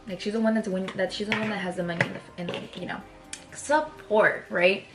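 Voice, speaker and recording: A woman's voice: medium pitch, fairly even intonation, fairly quick, over music. A young woman vlogger telling a story in a casual chat, often checking in with "right?".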